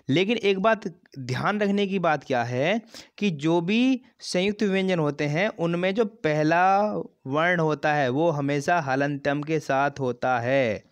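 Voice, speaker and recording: A man teaching a grammar lesson for an exam, explaining slowly, repeating terms and stretching sounds as examples. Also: on the high side, dry recording. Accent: Hindi.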